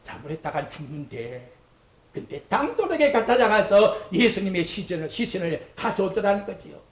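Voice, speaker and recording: A fervent preacher delivers a sermon in a church sanctuary, breaking into acted-out prayers and quotes. The pitch swings widely from low murmurs to high cries, and the hall's echo hangs around every phrase. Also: big pitch swings, moderate pace. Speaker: pastor. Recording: echoey church hall.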